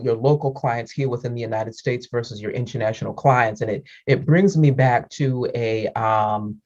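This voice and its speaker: A woman's voice: rumbling low, warm tone. Chatty middle-aged lady hosting an interview, laughs a lot, lo-fi video call sound. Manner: chatty, laughs often, repeats words. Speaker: interview host. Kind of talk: casual interview chat. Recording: dull lo-fi call audio.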